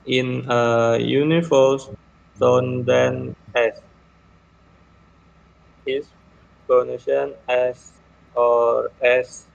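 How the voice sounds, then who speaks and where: A young man from Indonesia, a student giving a halting class presentation on English grammar, repeating words and clearing his throat. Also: mid-range voice. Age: young adult. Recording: dull lo-fi recording.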